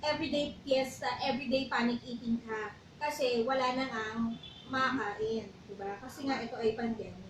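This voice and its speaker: A woman co-hosting a church talk show in a casual, chatty way. She slows down and speaks deliberately when she reads scripture. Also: fairly high pitch, fairly even intonation, echoey room, distant mic, crowd noise, poor audio. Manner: chatty, switches into slow deliberate English when reading scripture. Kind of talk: casual faith talk, reading Bible verses.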